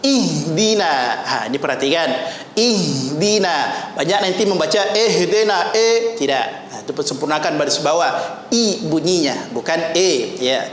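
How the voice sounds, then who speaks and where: A man with an Indonesian accent teaching Quran recitation, slowly and patiently repeating each sound for his students. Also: a little high, animated. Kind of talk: tajwid lesson, demonstrating recitation. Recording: roomy echo with faint noise.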